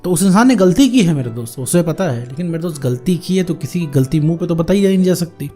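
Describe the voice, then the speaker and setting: A man talks straight to the viewer about breakups, quick and a bit high. His tone is mellow and informal, and he repeats points for emphasis. Soft music plays under his voice. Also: animated, slightly rough. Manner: informal, addresses viewer as "bhaiya" and "my friend"; repetitive, emphatic phrasing. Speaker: relationship advice host. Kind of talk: direct-address advice talk.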